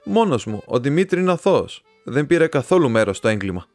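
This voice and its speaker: A man's voice: medium pitch, sing-song, darkish tone, no echo, soft background music, voice pushed up. A man voicing a pale young laborer who blurts out words in a choked, desperate voice. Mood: strained.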